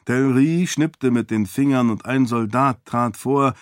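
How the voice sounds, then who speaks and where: A man narrating a fantasy audiobook in an even, deliberate way. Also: medium pitch, no echo, clean studio sound.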